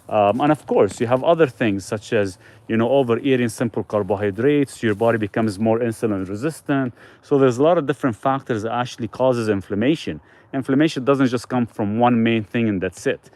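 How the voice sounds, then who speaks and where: A man's voice: mid-range voice, darkish tone. A man hosting a casual live stream, answering viewers' questions in a loose, rambling way with frequent restarts.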